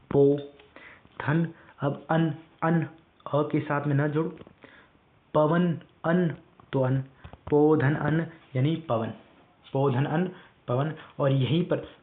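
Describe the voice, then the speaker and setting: A man teaching an online class, working through each word slowly and making students repeat it back. His voice sounds strained and weak. The sound is thin and tinny, as if it came down a phone line. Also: fairly high pitch. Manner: repetitive call-and-response drilling, addresses students directly.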